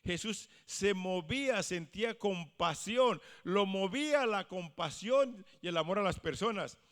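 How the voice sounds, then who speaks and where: A man's voice: sits high, animated, unhurried. Emphatic preacher man in a church hall. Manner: swings from hushed to loud exclamations. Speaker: pastor. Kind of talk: sermon.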